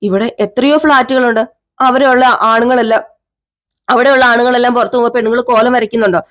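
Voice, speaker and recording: A woman's voice: fairly high pitch, fairly even intonation, quick pace, a bit bright, close to an everyday voice. Caring young husband, teasing, coaxing, protective, mock-stern, voiced by a woman.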